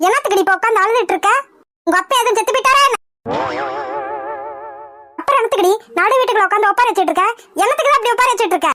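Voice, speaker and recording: A woman voicing a sharp-tongued old grandmother in a cartoon comedy, shrill and nagging. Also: very fast, long pauses, music in the background. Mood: scolding. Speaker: cartoon voice actor.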